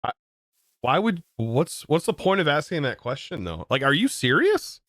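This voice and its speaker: A man's voice: fairly high pitch, big pitch swings, normal speed, fairly bright tone, no echo, studio quality. An American man streaming a game, chatting casually and answering his chat in disbelief. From United States. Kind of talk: casual livestream chat while gaming.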